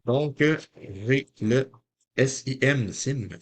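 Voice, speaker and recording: Slow-talking Québécois man scratching tickets. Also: mid-range voice. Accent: Québécois French. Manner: chatty, talks to viewers, reads letters aloud one by one. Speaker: lottery scratch-ticket vlogger. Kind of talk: casual commentary while scratching tickets.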